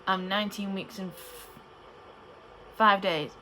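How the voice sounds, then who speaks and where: A woman's voice: medium pitch, steady tone, slow pace, pushed and bright, a little hiss or hum. A young woman chatting casually to camera in a rambling, storytelling way. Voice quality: cannot pronounce P in the middle of words. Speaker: pregnancy vlogger.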